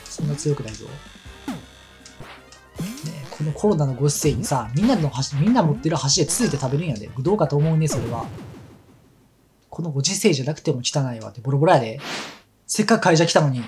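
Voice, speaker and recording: A man's voice: a little high, animated, fast talker, pauses often, darkish tone. A man with a Kansai accent chatting casually and telling rambling stories while he plays a game. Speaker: let's play commentator. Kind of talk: casual chat over gameplay. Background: game music.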